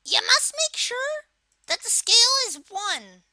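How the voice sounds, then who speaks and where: A person voicing a bratty male cartoon Koopa creature, giving a casual, unscripted software tutorial in a halting, self-correcting way. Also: extremely high pitch, big pitch swings, dry recording, full character voice. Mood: explaining, halting. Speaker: tutorial host.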